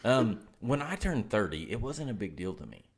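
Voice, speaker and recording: A man's voice: fairly low pitch, sing-song, normal speed, husky. A man, co-hosting a podcast in loose, profane banter and laughing often. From Oklahoma. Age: 30s. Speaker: podcast co-host.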